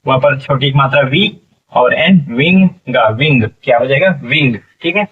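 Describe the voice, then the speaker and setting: Husky male teacher spelling words aloud slowly. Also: mid-range voice, animated. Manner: spells words slowly, repeating and asking "what will it be?". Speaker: English teacher. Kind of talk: spoken phonics lesson. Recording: distant, dull lo-fi classroom recording.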